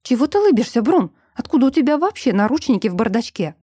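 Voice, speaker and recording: A woman's voice: fairly high pitch, big pitch swings, fast talker, mellow, breathy edge, no echo, clean studio sound, voice pushed up. A woman voicing an agitated young vampire woman who fears losing control, read in an audiobook. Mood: indignant. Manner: agitated, indignant. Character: young woman vampire, frightened of herself, fiery.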